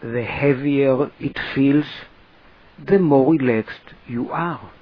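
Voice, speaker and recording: Guiding a relaxation exercise, a man speaks very slowly and deliberately, his medium-pitched voice husky. His instructions come short and widely spaced, captured in a slightly muffled, lo-fi recording.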